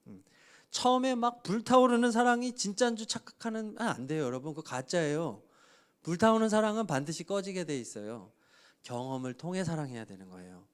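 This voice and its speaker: Male pastor, thirties, youth sermon, conversational with quoted asides, clear, resonant tone. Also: a little high. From Korea. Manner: conversational, acts out little quoted lines.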